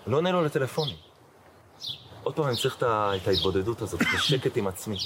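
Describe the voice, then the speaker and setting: Middle-aged man, rabbi guest telling his story, lively acted-out dialogue, noisy background. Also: mid-range voice. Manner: animated storyteller acting out dialogue, frequent fillers. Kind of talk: personal storytelling in an interview. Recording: noticeable background noise.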